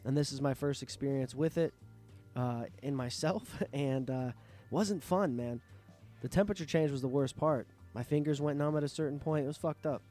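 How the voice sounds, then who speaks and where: A podcast host with a mid-range, dark-toned male voice talks at normal speed over soft background music, recorded on a studio microphone. He is sick, with a sore throat and nasal sound, and delivers a casual monologue that rambles, swears, and keeps interrupting itself.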